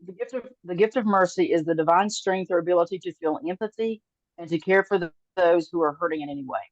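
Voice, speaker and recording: A woman's voice: on the low side, fast talker, no echo. A woman co-hosting a casual faith podcast, telling personal stories at length. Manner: warm storyteller, acts out voices in anecdotes. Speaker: podcast co-host. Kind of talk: casual faith chat, storytelling. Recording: dull, slightly muffled sound.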